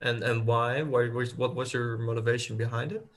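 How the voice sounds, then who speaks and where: A man's voice: mid-range voice, fairly even intonation, normal speed. Man host asking stumbling questions. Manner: stumbling, repeats words while asking questions. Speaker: podcast host. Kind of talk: casual podcast interview.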